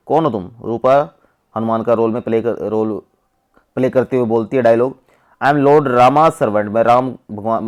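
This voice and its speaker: A male teacher from India, with an Indian English accent, reads English lines slowly and then explains them in Hindi. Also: mid-range voice.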